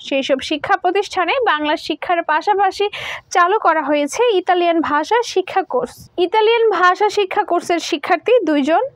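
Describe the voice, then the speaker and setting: Female newsreader, young, extremely high voice, formal scripted delivery, close and dry. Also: dry recording. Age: young adult. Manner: formal, measured reading. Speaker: news presenter. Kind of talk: scripted news narration.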